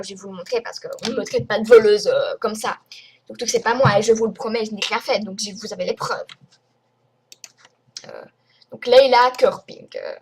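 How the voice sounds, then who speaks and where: A woman's voice: mid-range voice, a little hiss or hum. A young woman from France ranting to her viewers in a rambling, indignant way, full of fillers. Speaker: vlogger. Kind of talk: casual screen-recorded rant.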